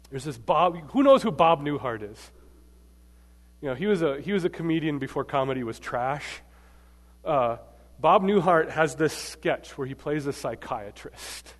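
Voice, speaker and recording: A man preaching a sermon to a live congregation, emphatic, swinging between loud bursts and quiet asides and quizzing the audience. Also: mid-range voice. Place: large church hall. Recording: long hall reverb.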